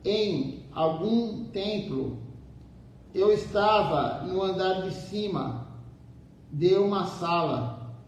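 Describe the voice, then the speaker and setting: A man's voice: lively intonation, drawn-out words. A man giving a devotional sermon in a temple. He urges his listeners and repeats key phrases over and over. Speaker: temple speaker. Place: temple hall. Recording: echoey temple room from far off, faint rumble.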